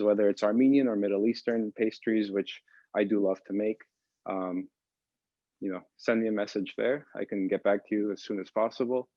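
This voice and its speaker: A pastry chef from the Boston area talks casually, with many ums. His voice sits low. The sound is dry and dull, like lo-fi call audio. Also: dry recording. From Boston area, United States. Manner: relaxed, many fillers. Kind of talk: casual explanation to an online audience.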